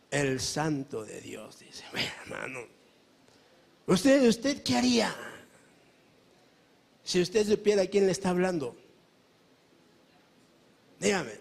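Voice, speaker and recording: A man's voice: high voice, vocal fry, darkish tone. A man with a Mexican accent preaching a sermon as pastor, emphatic and full of rhetorical questions to the congregation. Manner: emphatic preaching, often calling listeners brother.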